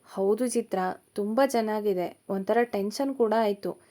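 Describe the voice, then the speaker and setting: A woman voicing an affectionate young male college student who speaks gently and reassuringly in a storybook reading. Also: mid-range voice, measured pace, close to an everyday voice.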